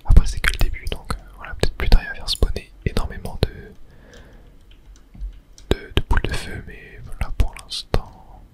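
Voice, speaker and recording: Here a gaming ASMR host offers a whispered let's play, talking over a video game in a hushed voice. The narration of their own play stays soft and slow.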